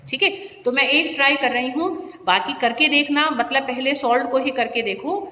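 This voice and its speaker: A woman's voice: sits high, normal speed, pushed and bright. A woman chemistry teacher giving a lecture, explaining step by step and checking in her students. She speaks in. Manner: explains step by step, checks in with frequent "okay" and "see, dear". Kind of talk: classroom lecture. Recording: echoey room with long reverb, faint noise.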